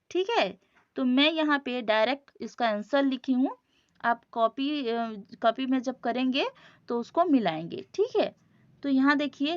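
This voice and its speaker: A woman with an Odia accent teaching a grammar lesson, slowly working through exercises, repeating each answer and checking whether her students follow. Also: sits high, dry recording, highs cut off.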